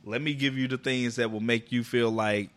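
A man's voice: mid-range voice, steady tone, normal speed, fairly bright tone. A man co-hosting a podcast, giving opinions in casual chat with a rambling, swearing manner. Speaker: podcast co-host.

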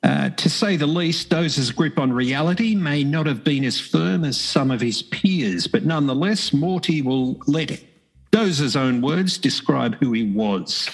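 A man's voice: fairly high pitch, expressive, measured pace, gravelly, husky, poor audio. A man hosting a podcast, reading a scripted story in a slightly wry manner. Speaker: podcast host.

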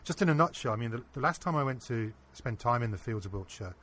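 A man with a husky, slightly breathy voice, telling a personal story to an interviewer. He talks casually, earnest and animated, with a middle-range pitch. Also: fast talker. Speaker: interview guest.

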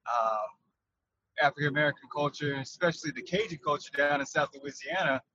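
A man speaking as a podcast guest from inside his truck, his voice carrying a windy, tunnel-like sound. He talks haltingly and often repeats words while he thinks. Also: on the high side, sharp tone. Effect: windy, tunnel-like truck-cab sound. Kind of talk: casual interview over a call. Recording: muffled windy truck-cab recording.

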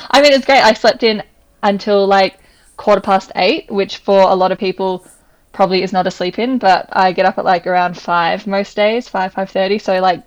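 Co-hosting a laid-back chat podcast, this young Australian woman, a teacher, speaks quickly and loosely with plenty of laughs and "like" fillers. Her voice is medium in pitch with fairly even intonation.

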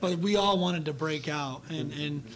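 A man's voice: a little high, normal speed, a little hiss or hum, rough recording. A man co-hosting a faith podcast in casual chat, affirming the others and laughing along. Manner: warm affirming listener, laughs along, short sayings. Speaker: podcast co-host.

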